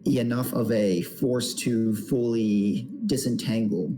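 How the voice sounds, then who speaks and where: A man running a tabletop game as game master, explaining the game in a halting way with lots of restarts. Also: medium pitch, warm tone, a little hiss or hum.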